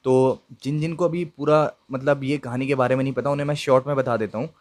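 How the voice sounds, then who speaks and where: A man's voice: mid-range voice, fairly even intonation, quick pace. A young man tells his own ghost story in a casual, chatty way. He talks to his viewers directly and keeps checking in with fillers as he goes. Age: young adult. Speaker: YouTube storyteller. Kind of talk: casual first-person ghost story narration.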